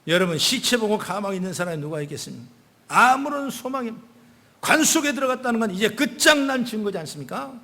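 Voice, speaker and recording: An older man preaches a sermon, his voice pitched high for a man. He moves between loud, emphatic calls and soft, low asides. The sound rings with the long reverb of a church hall. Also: expressive, quick pace. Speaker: pastor. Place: church sanctuary.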